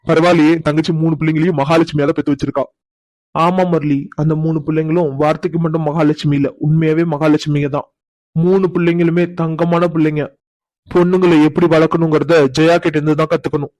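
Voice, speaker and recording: A man's voice: fairly high pitch, little pitch movement, fast talker, darkish tone, no echo, close to an everyday voice. A man voicing several middle-aged brothers in a cartoon, pleading and emotional as they ask their sister for forgiveness. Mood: warm. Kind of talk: cartoon voice acting.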